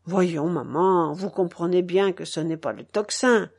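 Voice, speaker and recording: A woman doing a low, anxious householder. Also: steady tone, a little slow. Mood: soothing. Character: middle-aged master of the house, anxious.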